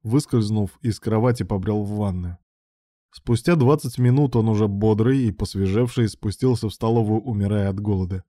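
A man reading a novel aloud as its narrator, in an even, matter-of-fact way. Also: on the low side, normal speed, no room sound, clean studio sound. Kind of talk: audiobook narration.

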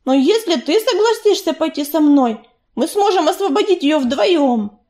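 A woman voicing a young female warrior cat from a storybook, hot-headed and stubborn, talking shrill and loud. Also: expressive, normal speed. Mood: urgent pleading.

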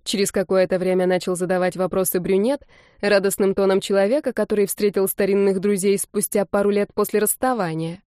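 A woman narrating a first-person novel aloud, giving the heroine's lines a playful, expressive delivery. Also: mid-range voice, brisk, no echo, studio quality. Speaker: audiobook narrator. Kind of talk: first-person novel reading with voiced dialogue.

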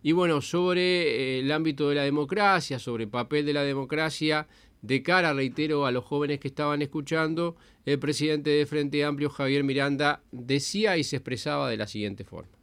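A man with a Uruguayan Spanish accent delivering a radio news report, measured and hesitant. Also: on the high side, fairly even intonation, a bit bright, smooth, no room sound. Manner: measured, with frequent hesitation fillers.

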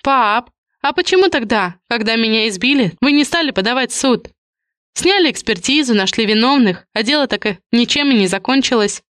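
A woman's voice: fairly high pitch, expressive, a little fast, a bit bright, no room sound, voice pushed up. A flustered young heroine, voiced by a woman narrator in an audiobook. The voice rises noticeably above the narrator's own and sounds pleading and agitated. The recording is dry and close. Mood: hurt. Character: young woman, anxious, flustered, quick to panic.

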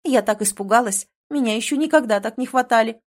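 A woman's voice: sits high, a little slow, voice pushed up. Woman voicing a sing-song scheming dragoness. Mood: indignant. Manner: sing-song, wheedling, theatrical.

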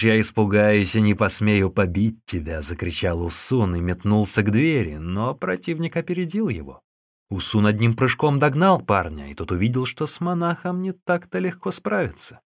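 A man narrating a classic adventure novel as an expressive audiobook reading. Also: medium pitch, dry recording, clean studio sound. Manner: expressive storytelling.

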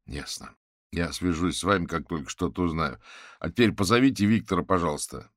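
A man voicing a calm, thoughtful sorcerer detective who speaks dryly and evenly. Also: low-pitched, fairly quick, dry recording, studio quality.

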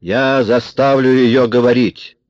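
A man voicing a menacing gang boss who speaks slowly and ominously, promising violence. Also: on the low side, lively intonation, dry recording. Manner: slow, ominous and threatening. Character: menacing middle-aged male gang boss. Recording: dry, dull lo-fi recording.

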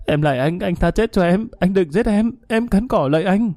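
A man doing a frightened young hostage whose voice jumps high and thin as he wails for mercy. He sounds dry and close over a dark, mellow base, with faint music underneath. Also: lively intonation, normal speed, dry recording. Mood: wailing, pleading. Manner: shrill pleading wails.

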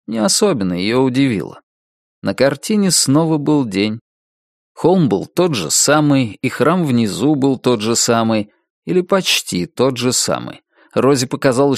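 A man's voice: medium pitch, no room sound. Man narrating an audiobook in a dry, close studio sound. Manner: measured, expressive reading that slows down for emphasis.

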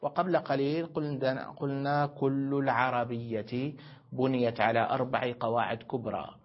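Guy teaching grammar, asks himself questions, drags words out slow, kinda muffled old recording. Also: medium pitch, fairly even intonation. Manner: explains step by step, asks and answers own questions; stretches words slowly when spelling out forms. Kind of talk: classroom lesson. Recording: dull lo-fi lecture recording.

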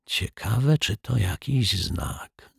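A man voicing an earnest, slightly bumbling detective in an audiobook, in a gently reasoning manner. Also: low voice, lively intonation, measured pace, gravelly, breathy edge, dry recording, studio quality, exaggerated voice. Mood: musing. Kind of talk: audiobook character voice.

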